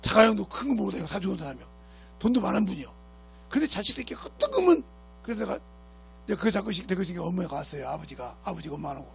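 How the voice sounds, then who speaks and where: A man's voice: high-pitched, big pitch swings, quick pace, vocal fry, faint music behind. A man preaching a sermon as pastor, emphatic and scolding, who keeps asking his congregation rhetorical questions. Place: church sanctuary.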